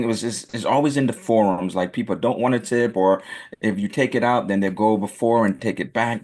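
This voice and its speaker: A man's voice: lowish voice, darkish tone. A man hosting a casual interview, asking long questions with many filler words. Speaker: host.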